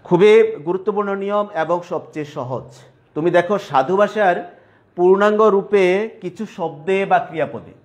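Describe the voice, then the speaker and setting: A male teacher giving an online grammar lesson at a board, dictating slowly and repeating terms piece by piece. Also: high voice, darkish tone, highs cut off. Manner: slow, repetitive dictation, spelling out terms piece by piece.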